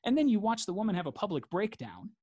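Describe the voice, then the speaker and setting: A man's voice: high-pitched, sing-song, fast, a little mellow, breathy edge, no echo, muffled recording. Earnest man repeating phrases for emphasis. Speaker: interview guest. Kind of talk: reflective conversational interview.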